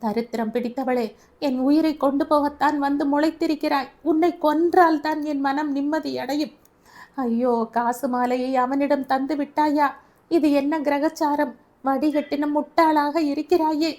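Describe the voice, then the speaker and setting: A woman voicing a furious, grieving old grandmother who wails and shouts in a shrill voice in an audio novel. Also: steady tone, a little slow. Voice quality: shrill, wailing.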